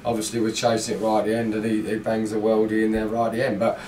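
A middle-aged football manager gives a post-match interview about a loss, frustrated and blunt, rambling and pausing on fillers in a low, flat voice. He is recorded in a small indoor club room full of echo, far from a set-back mic, with a little hiss or hum.

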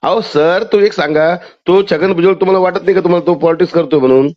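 Male caller, high voice, insistent and argumentative, dull phone-call sound. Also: quick pace. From Maharashtra, India. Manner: insistent, talks over the other man. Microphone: telephone line. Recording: muffled phone call audio.

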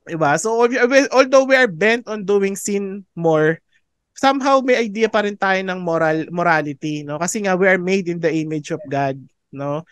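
Chatty teacher with a smooth, dry voice. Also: medium pitch, moderate pace, a bit bright, no echo. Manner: chatty, mixes English into Tagalog, asks "di ba?" often; laughs often between points. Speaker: theology teacher. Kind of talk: conversational online lecture. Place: online class over a video call. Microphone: video call microphone.

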